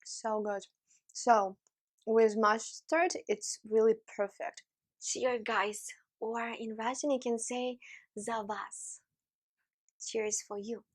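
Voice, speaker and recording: Slow-talking woman tasting food. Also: a little high, steady tone. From Ukraine. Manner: enthusiastic, savoring food with many appreciative hums. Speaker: vlog host. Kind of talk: casual food-tasting vlog.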